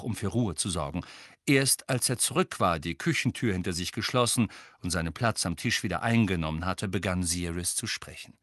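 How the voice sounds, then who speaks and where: A man narrating an audiobook with an expressive, lively reading. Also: fairly low pitch, no room sound, clean studio sound.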